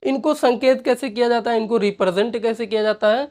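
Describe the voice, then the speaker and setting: A woman teaching a physics class, explaining slowly, repeating points and often checking that students follow. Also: fairly high pitch, a little mellow. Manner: repetitive, checks understanding with "ठीक है". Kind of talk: classroom lecture with board work.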